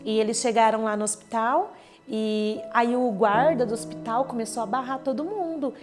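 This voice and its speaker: A woman's voice: fairly high pitch, normal speed. A woman gives a personal church testimony, retelling events vividly and with emotion, acting out what others said. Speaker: church member giving testimony. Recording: clear background music under speech. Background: soft instrumental music.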